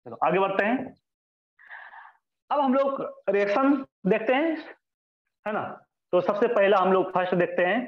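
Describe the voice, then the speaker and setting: A man with a high voice lectures on chemistry, posing questions and answering them himself. His words ring out in a roomy space, and the recording sounds dull and lo-fi. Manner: addresses students as children, repeats key terms. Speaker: chemistry teacher. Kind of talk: classroom lecture.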